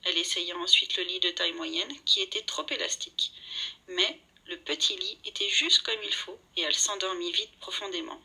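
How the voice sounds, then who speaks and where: Storybook narrator: woman, very bright tone, a little husky, lively read-aloud delivery. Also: on the low side, moderate pace, poor audio. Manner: lively, voices the characters' lines.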